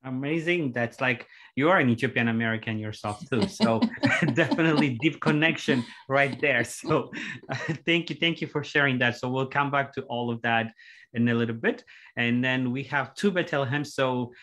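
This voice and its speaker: A man's voice: medium pitch, moderate pace, a bit bright. Man hosting a video-call talk show. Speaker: show host. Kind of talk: casual video-call interview.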